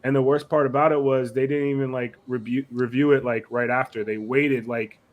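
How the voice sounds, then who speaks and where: A man with a hoarse, raspy voice co-hosting a casual sports podcast, blunt and slangy with some swearing. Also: mid-range voice, steady tone, brisk, phone-quality sound. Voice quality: raspy, rough voice. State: hoarse, sick.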